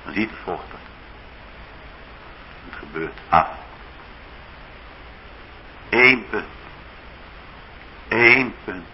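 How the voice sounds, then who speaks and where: A man's voice: lowish voice, animated, extremely slow, long pauses, muffled recording, a little hiss or hum. A man with a Dutch accent preaching a sermon in a church, acting out the biblical figures' speech dramatically. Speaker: pastor.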